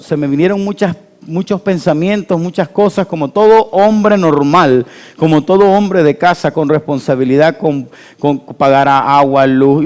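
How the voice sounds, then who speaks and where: A male pastor, preaching an animated sermon with call-and-response to his congregation. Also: high-pitched. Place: church hall. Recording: church hall with long reverb.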